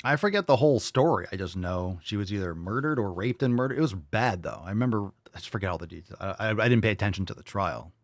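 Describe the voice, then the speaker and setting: A man hosting a live commentary show, crude and mocking as he reacts. His voice jumps around a lot in pitch. The sound is dry and close, with no room around it. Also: animated, quick pace, hardly any pauses, no echo. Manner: blunt, profane, mocking. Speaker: show host.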